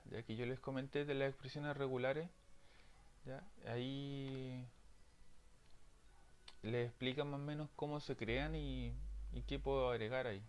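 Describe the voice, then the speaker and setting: A man's voice: mid-range voice, steady tone, unhurried, long pauses, clean tone. A man teaching programming in a screen-recorded lesson, checking in often with his students. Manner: frequent "¿ya?" check-ins, explanatory.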